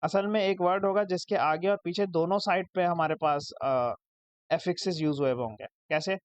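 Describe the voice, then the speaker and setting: A man's voice: sits high, normal speed, no room sound. A young man with a Pakistani Urdu accent, teaching a recorded English lesson over slides. He explains step by step and checks "ठीक है?" after each point. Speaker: English tutor. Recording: dry, dull lo-fi sound.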